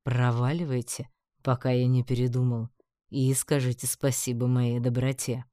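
A man's voice: medium pitch, level tone, mellow, no echo, clean studio sound, close to an everyday voice. A man playing a cold mocking emperor. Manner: slow, mocking, menacing. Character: cold, scheming male emperor, middle-aged. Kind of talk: audiobook character voice.

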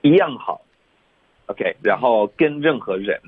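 Husky male teacher on a tinny line. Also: medium pitch, lively intonation, no room sound. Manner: explains slowly, models English phrases repeatedly. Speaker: English pronunciation teacher. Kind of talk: radio English lesson in Mandarin. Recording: dry, phone-like narrow radio sound.

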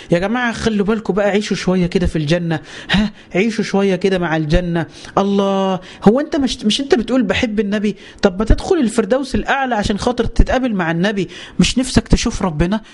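Egyptian male preacher, high and rapid, urgent and pleading with his audience. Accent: Egyptian Arabic. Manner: pleading, urgent, addresses listeners directly. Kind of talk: colloquial religious lesson.

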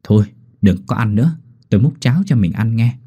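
A man voicing a gentle, puzzled rural husband, coaxing and fussing. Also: on the low side, animated, brisk, slightly rough. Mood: exasperated.

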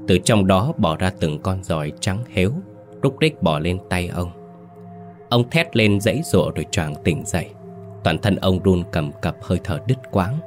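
A man giving grave, measured scripted narration of a horror story. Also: deep voice. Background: faint music.

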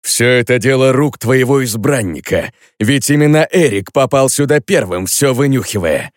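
A smug male rival taunts and mocks in a louder, raised voice, as the narrator plays him. It stays a man's voice, recorded close and dry in a storybook reading. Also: a little high, big pitch swings, moderate pace, dry recording, voice pushed up. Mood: taunting. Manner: mocking, loud and taunting.

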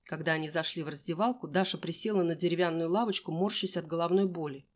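A woman's voice: lowish voice, quick pace. A woman reading a young-adult novel aloud as narrator, giving each character a voice of her own. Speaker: audiobook narrator. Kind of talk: audiobook reading with acted dialogue.

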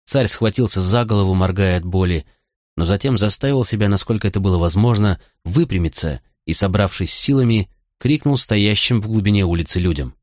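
A man reading an audiobook aloud in steady, measured narration. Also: lowish voice, no room sound, clean studio sound. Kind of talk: scripted narration.

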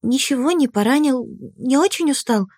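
A man voicing a tender, anxious young woman in an audiobook, with a soft, breathy, husky voice and a slow, gentle, emotional delivery. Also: very high voice, expressive, no room sound, voice pushed up, exaggerated voice. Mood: gentle concern. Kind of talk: audiobook character voice.

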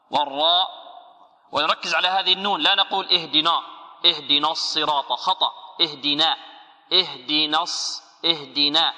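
Male Quran teacher, bright and raised pitch, drills pronunciation slowly, long hall reverb. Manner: asks the class questions, then answers them himself; slowly models each word and corrects errors. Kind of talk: tajweed lesson.

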